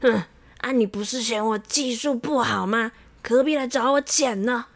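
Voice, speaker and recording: A woman's voice: a little high, moderate pace. Woman doing a grumbling village barber. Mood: cold. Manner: grumbling, sulky, scheming.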